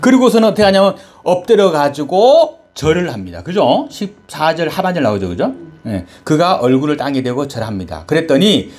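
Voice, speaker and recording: A man preaching a sermon in an animated way, jumping from loud high bursts to low murmurs and quizzing the congregation. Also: a little fast, hardly any pauses. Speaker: pastor.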